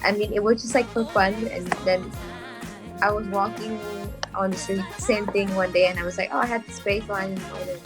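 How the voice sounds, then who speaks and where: Relaxed giggly woman musician. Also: mid-range voice, moderate pace, over music. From Thailand. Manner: relaxed storytelling, many fillers, giggles often. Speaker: drummer and producer. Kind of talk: casual interview chat.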